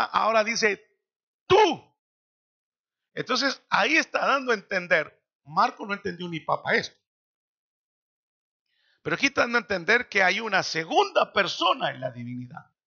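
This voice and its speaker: A man preaches in a church with a high, lively voice that climbs and drops widely. His tone is bright and gravelly, and he slows down for emphatic quoted lines. The recording sounds dull and lo-fi. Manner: dramatic preaching with slow emphatic quotations. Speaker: pastor. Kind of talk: sermon.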